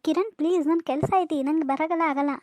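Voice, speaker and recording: A sharp, indignant young office woman in a cartoon comedy, as a woman voices her, speaking with a North Karnataka Kannada accent. The voice is very high and brisk, with a scolding edge. It is recorded close and dry. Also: steady tone, no echo, lightly acted.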